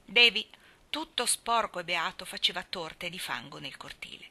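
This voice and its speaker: A woman reading a novel aloud as a storyteller, with an expressive delivery. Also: fairly low pitch, normal speed. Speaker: reader.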